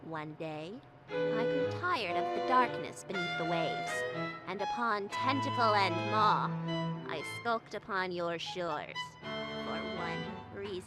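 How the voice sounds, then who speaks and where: A woman voicing a flustered, bookish female deep-sea creature in a game, excitable and prone to mock-ominous rumbling. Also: takes it slowly. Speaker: voiced game character. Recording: music underneath.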